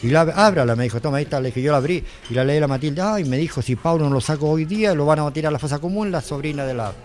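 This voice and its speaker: Fast-talking older Chilean man. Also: a little high, animated, darkish tone, slight background noise. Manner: rambling, repeats "le dije yo", quotes others. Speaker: interviewee, former driver. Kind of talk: emotional personal testimony.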